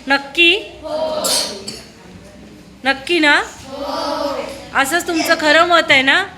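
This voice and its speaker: A woman's voice: high voice, steady tone, takes it slowly, music in the background. A woman questioning a class of schoolchildren in a school room, prodding them with repeated, coaxing questions.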